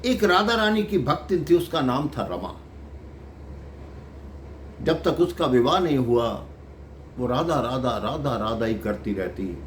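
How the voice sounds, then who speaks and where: A man's voice: mid-range voice, lively intonation, unhurried, pauses often, a little hiss or hum. A man telling a devotional story, addressing listeners affectionately as brothers and sisters. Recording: echoey room.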